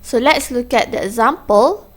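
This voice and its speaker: A woman teaching an English lesson, her voice sitting a little high. She explains patiently, slowing down on key words and switching between English and Malay. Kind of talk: classroom lesson narration.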